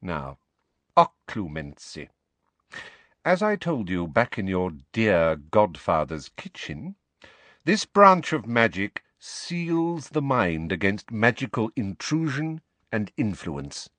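Guy putting on a cold sneery teacher, slow and contemptuous, kinda low. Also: big pitch swings, fairly bright tone, no room sound, heavily acted. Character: cold sneering male professor, middle-aged.

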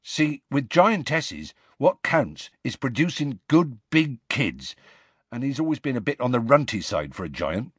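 A huge, soft-hearted, anxious half-giant from a storybook pleads earnestly in a rustic dialect. His husky voice rises and swoops with great animation at a measured pace, recorded close and dry with no echo.

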